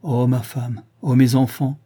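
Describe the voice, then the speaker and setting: A man's voice: medium pitch, fairly even intonation, unhurried, dark tone, husky. A man reading the part of a proud English major, pleading in an impassioned, declamatory way. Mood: anguished.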